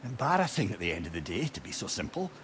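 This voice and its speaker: Mimir, a lively, wistful Scottish old advisor. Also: male voice, on the low side, fast. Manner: lyrical, wry, conversational. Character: witty, wistful old male advisor reminiscing about love. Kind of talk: storytelling video game dialogue. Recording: ambient noise behind voice.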